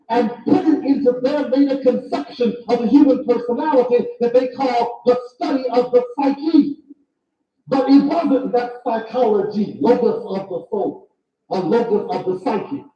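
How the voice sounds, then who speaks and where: A man delivers a spoken lecture with an emphatic, repetitive preaching cadence. His voice sits high yet sounds dark and muffled. The recording is dull and lo-fi, captured from far off in a very echoey hall. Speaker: lecturer and author.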